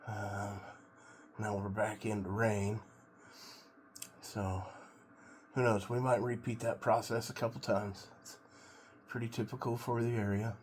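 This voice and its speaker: Middle-aged American man, low voice, unhurried and halting casual vlogger, water noise clearly audible behind him. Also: flat delivery. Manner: laid-back, musing, halting. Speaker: vlogger doing a cold plunge challenge. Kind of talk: casual rambling vlog monologue.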